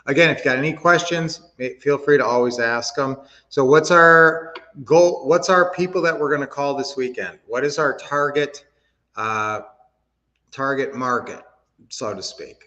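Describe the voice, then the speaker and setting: A man's voice: medium pitch, moderate pace, bright, forceful tone, highs cut off. A man from Minnesota hosting a real estate investing livestream, chatting casually, answering chat comments and teaching with lots of fillers and restarts.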